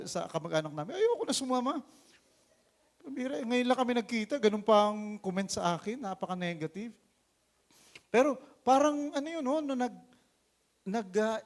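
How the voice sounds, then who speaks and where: High-voiced Filipino pastor preaching. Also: male voice. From Philippines. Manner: animated preaching, shifting from loud calls to low asides, voicing characters in stories. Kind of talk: sermon.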